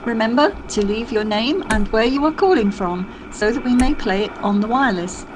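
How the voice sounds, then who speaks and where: A woman's voice: fairly high pitch, expressive, moderate pace, background noise. A woman reading a polite, formal answering-machine greeting that plays over a phone line. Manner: polite, formal announcer delivery.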